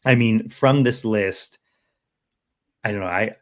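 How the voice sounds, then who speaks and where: Speaking slowly and on the low side, an American man co-hosts a podcast. He talks politics casually, thinking aloud and often checking whether others agree.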